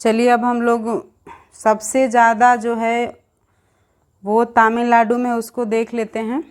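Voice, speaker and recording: A young woman runs through an exam revision lesson at speed, reading out long lists of names. Her voice sits slightly high, and she keeps addressing her viewers as friends. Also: little pitch movement, slow pace, clear, resonant tone. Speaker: exam-prep teacher.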